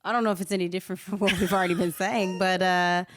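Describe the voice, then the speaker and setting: A woman in her thirties co-hosting a casual faith podcast, supportive and quick to laugh. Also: lowish voice, little pitch movement, no room sound, clean studio sound. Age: 30s. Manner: supportive, affirming, laughs easily. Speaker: podcast co-host.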